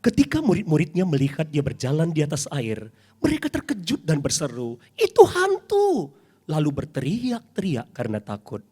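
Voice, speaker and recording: A middle-aged man preaches a sermon in a church, dramatic and animated, with sudden loud climbs. His voice sits a little high and sounds husky, swinging widely in pitch. Soft music plays faintly underneath. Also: brisk. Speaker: pastor.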